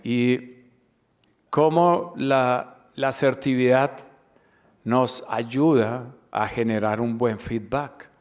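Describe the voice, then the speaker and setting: A mid-range voice belongs to a Dominican Republic man leading a corporate training webinar lecture. Emphatic in delivery, he is fond of rhetorical questions and returns to key words again and again.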